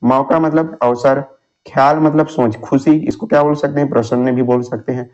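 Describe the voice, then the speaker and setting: A male teacher explaining a lesson. He asks a question, then answers it himself, and slowly repeats answers for students to write down. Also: medium pitch, fairly even intonation, darkish tone. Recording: dull lo-fi sound.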